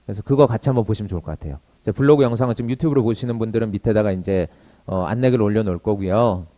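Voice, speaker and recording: A man teaching English to Korean learners in an online lesson, drilling phrases briskly and slowing down for model sentences. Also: on the low side, muffled recording.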